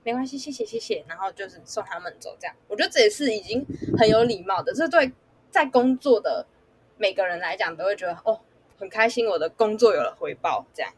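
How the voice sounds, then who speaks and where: A woman's voice: mid-range voice, a little fast, slight background noise. A young woman student, telling a work story casually and animatedly. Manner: animated storyteller, acts out customers' voices. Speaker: guest, student.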